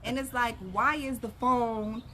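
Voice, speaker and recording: A woman's voice: fairly high pitch, fairly even intonation, unhurried, a loud crowd. A woman co-hosting a relationship livestream from the backyard, giving conversational advice and posing rhetorical questions. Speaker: co-host of a relationship ministry livestream. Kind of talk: casual advice chat. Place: outdoors in a backyard. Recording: some background noise, outdoor livestream.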